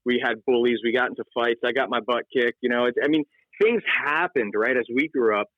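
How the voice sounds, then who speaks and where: A man in his forties, a psychiatrist guest in a conversational interview, speaking emphatically and building to lively points. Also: mid-range voice, brisk, no echo. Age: 40s. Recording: phone-like line, dry.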